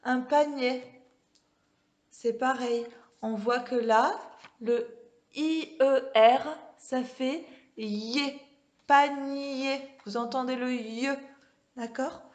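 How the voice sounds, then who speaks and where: A woman leads a reading lesson for small children, sounding out words with careful, stretched pronunciation. Her voice sits a little high and she speaks unhurriedly, pausing often to ask whether the children follow. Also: fairly even intonation. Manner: checks in with frequent questions to children. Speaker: primary school teacher. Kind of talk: home-schooling reading lesson. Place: classroom with a board.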